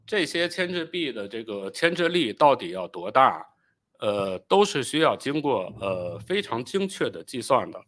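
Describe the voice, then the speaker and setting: A man hosting a live stream, explaining rocket launches and pausing often with fillers. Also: medium pitch, very animated, a bit bright, dry recording. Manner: explanatory, with frequent filler pauses; apologetic and hurried while fixing playback. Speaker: channel host.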